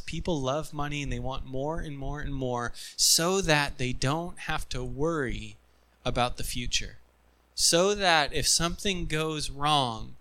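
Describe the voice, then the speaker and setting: A pastor with a mid-range voice delivers an earnest, forceful sermon full of repetition, then closes with a hushed, gentle prayer. It's captured in a low-quality recording.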